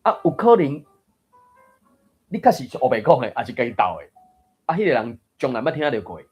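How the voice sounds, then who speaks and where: A man's voice: medium pitch, big pitch swings, brisk, breathy edge, lo-fi sound, faint music behind. A man giving a casual lesson on reading aloud, thinking aloud with many fillers and restarts. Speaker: Taiwanese reading coach.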